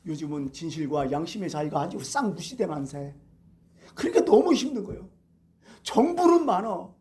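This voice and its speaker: Animated man preaching a sermon. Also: high-pitched, moderate pace. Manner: animated storytelling with rhetorical questions. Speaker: pastor.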